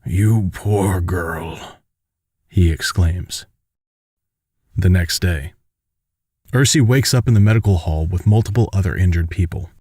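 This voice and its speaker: A man with a very deep voice narrating a fan audiobook. The sound is dry and close, and he tells the story steadily and evenly. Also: moderate pace, long pauses, a little mellow, dry recording.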